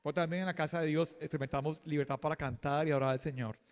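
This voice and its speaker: A man preaching a sermon as pastor, lively and joking, acting out quotes. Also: fairly high pitch, very fast, big-room sound. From Colombia. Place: church hall.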